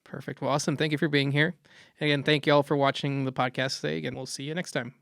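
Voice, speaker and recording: Male podcast host, quick talker, gravelly, dry close sound. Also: on the high side, little pitch movement, fairly bright tone, dry recording. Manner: agreeable, frequent yeahs. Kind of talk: casual podcast chat.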